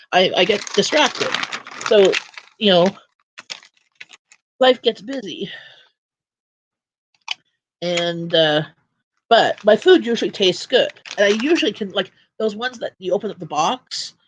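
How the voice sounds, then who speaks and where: A woman hosts a relaxed livestream chat from her home. She talks in a loose, rambling way and often backs up to restart her sentences. There is a faint hiss of background noise under her voice. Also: medium pitch, poor audio. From Canada. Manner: rambling and chatty, with frequent restarts. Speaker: livestream host. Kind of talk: casual chat.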